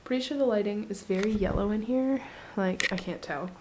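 Stuffy-nosed from a cold, a young Canadian woman talks a little fast at a medium pitch, rambling chattily into a handheld camera at arm's length and keeping quiet at night. The daily vlog is shot in her bedroom, car and living room, and the recording is rough with slight background noise.

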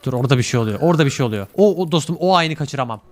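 A young man streaming a game, commenting casually to his chat, excitable and swearing often. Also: medium pitch, very fast, slight background noise. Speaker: gaming streamer.

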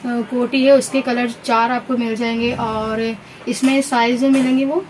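At a measured pace, a woman with a fairly high, flat, slightly mellow voice and a Pakistani accent shows wholesale stock in an indoor shop overflowing with fabric. Her informal sales talk is repetitive and mixes in English words, and the poor handheld-phone audio picks up clear background noise.

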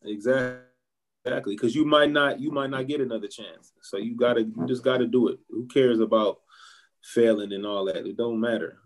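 A man's voice: medium pitch, a little fast. Ohio barber guy chatting easy, keeps saying man, mid voice. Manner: relaxed, says "man" often, motivational. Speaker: barbershop owner, guest. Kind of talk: casual interview talk.

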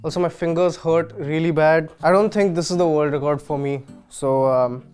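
A man in his twenties with an Indian English accent, hosting a jokey, excitable comedy vlog. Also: on the high side, moderate pace, clean tone, soft background music. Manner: excitable, jokey, breaks into yelps. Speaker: host.

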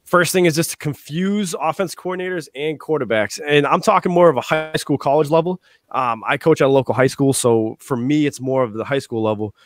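A young man hosting a live football coaching clinic on a video call, talking casually with many fillers, through an earphone mic. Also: a little high. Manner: relaxed, quick, lots of fillers and restarts. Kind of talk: casual live-stream presentation. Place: small room at home.

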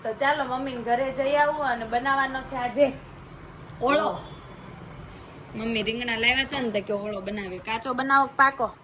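A woman's voice: fairly high pitch, normal speed, bright, forceful tone. A woman chatting through a home vlog, often cooing in baby talk to an infant. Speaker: vlogger. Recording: noisy with passing traffic.

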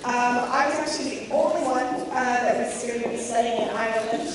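A Kansas woman in her twenties with an American accent, still recovering from a cold, gives a prepared talk to a club as a guest speaker and scholarship recipient. Her voice is a little high, brisk, and scratchy. She uses a handheld mic in a large hard-walled meeting room, captured by a camera as noisy, echoey hall PA from far off.

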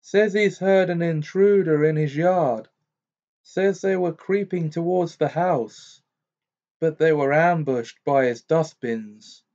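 A man voicing a fast-talking bearded middle-aged wizard who speaks in a hurried, urgent way. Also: a little high, a little mellow, dull audio, voice pushed up.

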